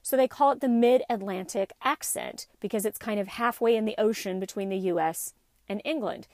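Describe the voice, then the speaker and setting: A woman's voice: mid-range voice, moderate pace, a little mellow, dry recording. A middle-aged woman hosting her own podcast, talking casually and rambling with frequent restarts and fillers. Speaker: podcast host; teacher. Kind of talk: casual solo podcast talk.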